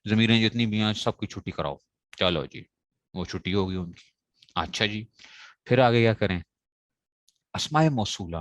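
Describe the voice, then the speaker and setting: A man's voice: on the low side, expressive, long pauses, fairly bright tone, dry recording. A man teaching Arabic grammar in a classroom lecture, explaining step by step, often asking the class whether they follow and stressing correct pronunciation.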